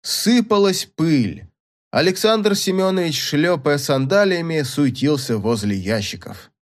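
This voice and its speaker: A man narrating classic prose as an audiobook, telling the story in an expressive, dramatic way. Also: on the high side, measured pace.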